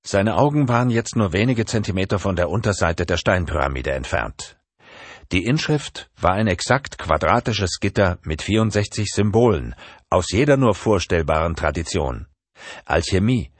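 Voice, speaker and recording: A man's voice: deep voice, husky, no room sound. A man narrating a thriller audiobook in a tense, dramatic reading.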